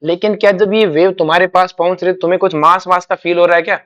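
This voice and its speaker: A chemistry teacher lectures his class in a high-pitched, slightly bright voice with little pitch movement, and the recording is muffled. He leans on homely examples, calls students "beta", and asks quick check questions while getting them to repeat key words.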